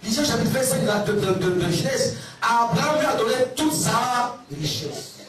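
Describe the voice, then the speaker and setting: A man's voice: very high-pitched, animated, normal speed. A middle-aged male pastor preaching emphatically, firing questions at the congregation and sometimes slipping into a sing-song delivery. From Ivory Coast. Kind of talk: sermon. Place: large church hall. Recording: echoey, distant church sound with music. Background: music.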